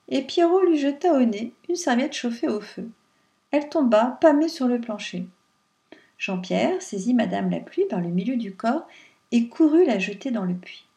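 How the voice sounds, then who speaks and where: A woman's voice: on the high side, far from the mic. Woman reading a fairy tale aloud. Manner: calm, measured storytelling. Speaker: storyteller.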